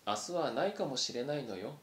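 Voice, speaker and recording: A man's voice: mid-range voice, expressive, fairly quick, fairly bright tone, natural voice. A man reading aloud, voicing a young female mouse who pleads earnestly, recorded in a roomy space. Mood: pleading. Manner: pleading, emotional. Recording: roomy echo.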